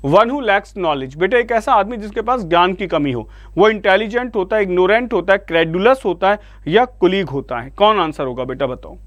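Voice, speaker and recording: Here an Indian-accented man with a high, fairly bright voice teaches vocabulary online in a dry recording. He coaxes the class, asks again and again for their answers, and addresses them as "beta" throughout.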